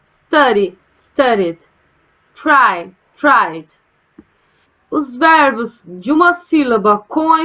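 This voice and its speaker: A high-voiced woman from Brazil leads a casual English grammar lesson from her home. She takes her time and keeps checking that her students follow along. The sound is a little dull and lo-fi. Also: a bit bright. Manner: explains patiently, often asks "né?" and "tá, gente?". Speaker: English teacher. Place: home, during quarantine.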